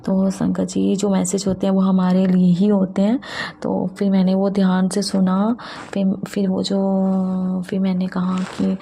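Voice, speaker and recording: Gravelly, flat-voiced woman sharing faith testimony. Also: mid-range voice, slight background noise. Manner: halting, many fillers and restarts. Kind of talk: devotional testimony talk.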